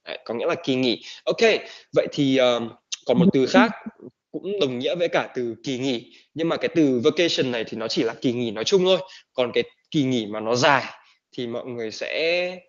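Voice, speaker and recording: A man teaching an online English class, mixing Vietnamese and English with lots of "um" and "uh". His voice sits at an ordinary pitch. The recording is dull and lo-fi. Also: fairly quick. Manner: mixes Vietnamese and English, many fillers.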